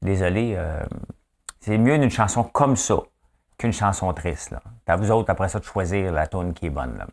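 A man's voice: deep voice, lively intonation, moderate pace, gravelly, a little mellow. Chatty Quebec French man, joking host. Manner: chatty, jokey, asks the audience questions. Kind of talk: casual chat presenting trivia.

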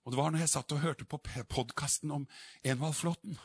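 A man's voice: fairly high pitch, fairly even intonation, breathy edge, dry recording. A man preaching a sermon in a fervent, emphatic way.

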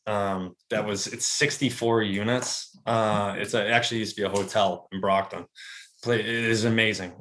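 A man in his early thirties, a real estate agent and investor, talks casually as an interview guest in a relaxed, rambling way with many fillers and restarts. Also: lowish voice. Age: 30s.

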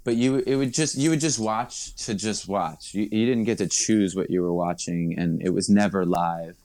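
Laid-back New man, low voice. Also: a little mellow. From Long Island, New York. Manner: rambling, laid-back, self-correcting with quick laughs. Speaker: musician guest. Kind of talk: casual interview chat.

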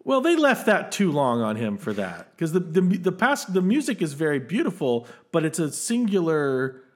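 A man's voice: a little high, moderate pace. A man co-hosting a casual film podcast, rambling and acting out quoted lines as he talks. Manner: animated, rambling, often restarts and acts out quoted lines. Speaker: podcast co-host. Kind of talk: casual film-discussion chat.

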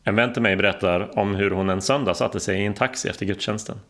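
Man, audiobook narration, dry wry delivery, low voice, gravelly. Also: steady tone, fairly bright tone.

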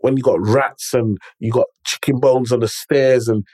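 A man's voice: mid-range voice, steady tone, normal speed, mellow, no echo, studio quality. A man with an urban London roadman accent tells stories and gives motivational advice in an emphatic, conversational way, repeating phrases and checking in with the listener. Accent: London, urban multicultural slang.

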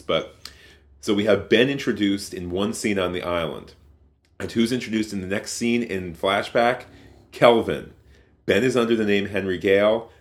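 Low-voiced man co-hosting a podcast. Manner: thoughtful, halting, with many fillers and restarts. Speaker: podcast co-host. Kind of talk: casual podcast discussion.

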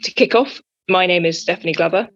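A woman's voice: on the low side, fairly quick, no echo. A woman hosting a podcast in a conversational way. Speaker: podcast host, finance strategy head. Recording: dry, slightly dull audio.

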